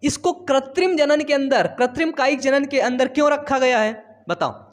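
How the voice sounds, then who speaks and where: A man's voice: very high voice, normal speed. A young man teaching a biology lesson in a casual, chatty way, teasing his students and telling them to write along. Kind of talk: casual classroom lecture. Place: home studio.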